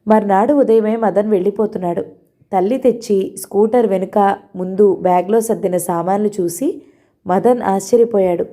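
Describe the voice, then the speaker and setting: A woman narrating a novel aloud in a calm, steady storytelling manner. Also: medium pitch, moderate pace. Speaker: audiobook narrator.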